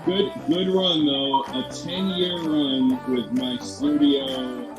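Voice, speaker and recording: A man's voice: medium pitch, fairly even intonation, slow, loud music behind the voice. A man speaking casually as a guest on a video call, his voice faint and muffled as if heard through a wall from another room. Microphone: bad laptop mic on a video call.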